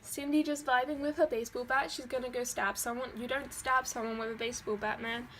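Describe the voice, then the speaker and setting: A woman's voice: on the high side, little pitch movement, a little fast, a bit bright, a little hiss or hum. A young woman from Dorset, England, rambling and giggling as she talks through her sketchbook at her desk. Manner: giggly, rambling and self-deprecating. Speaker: artist showing her sketchbook. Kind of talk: casual sketchbook tour.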